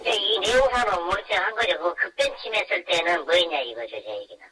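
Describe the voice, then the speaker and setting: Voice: mid-range voice, expressive, fast, crowd noise, rough recording. An anonymous caller speaking through an electronically disguised voice in a phone-in interview, blunt and full of rhetorical questions. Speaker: anonymous caller, former maritime safety worker.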